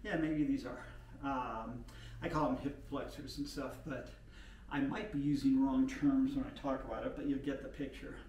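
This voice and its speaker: A man's voice: medium pitch, fairly even intonation, normal speed, darkish tone. Older man rambling through a home workout. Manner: rambling, unpolished, thinking aloud with many fillers; talks while moving and exercising. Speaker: home exercise vlogger. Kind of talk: casual talk while demonstrating exercises. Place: room in an older mountain home. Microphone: camera set back from the speaker. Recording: roomy home audio from a distant mic, faint hiss.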